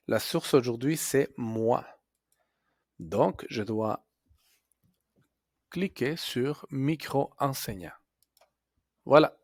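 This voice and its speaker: Teacher type, male, unhurried screencast delivery, dry close sound. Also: medium pitch, dry recording. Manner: slow, step-by-step explaining with fillers and self-corrections. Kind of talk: software tutorial screencast.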